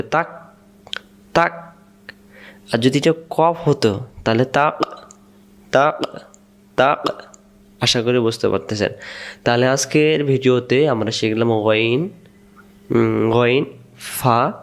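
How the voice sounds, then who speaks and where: Slow, patient male Quran teacher. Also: medium pitch. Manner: slow and patient, repeating each syllable many times. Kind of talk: slow, drilled Quran pronunciation lesson.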